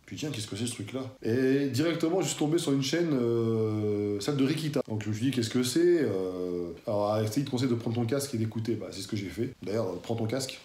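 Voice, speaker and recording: A fitness YouTuber talks straight to his audience in a relaxed, slangy way, full of familiar asides. The man's voice is mellow and warm, of middling pitch. The sound bounces around a bare, echoey room. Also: a little fast, few pauses. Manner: chatty, slangy, addresses viewer as "tu". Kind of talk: casual talk to camera.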